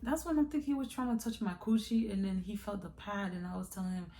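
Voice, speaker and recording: A woman's voice: mid-range voice, steady tone, fast talker, warm tone, slight background noise. A young woman vlogger chatting candidly to viewers in a casual storytime confession, calling them y'all.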